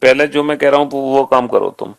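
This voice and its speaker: Gravelly-voiced male teacher drilling students. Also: mid-range voice, fairly quick. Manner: repetitive drilling instructions, calls students beta. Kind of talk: online exam-prep lecture.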